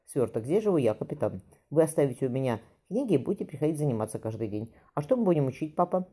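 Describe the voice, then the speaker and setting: A woman's voice: a bass voice, very animated, quick pace, dark tone, breathy edge. A woman reading a historical novel aloud as a narrator, lifting her voice for the characters' lines, with occasional slips and restarts. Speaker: audiobook narrator.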